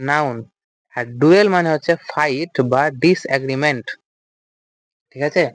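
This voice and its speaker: A man's voice: on the high side, moderate pace, no room sound. A man teaching an English vocabulary lecture, explaining step by step and asking and answering his own questions. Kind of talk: recorded lecture.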